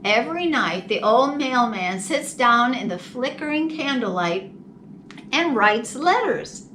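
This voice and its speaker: This storytime host narrates a picture book for young children, stretching her phrases out slowly in an animated, deliberate way. Her voice is high and bright, picked up by a distant mic with faint noise behind it.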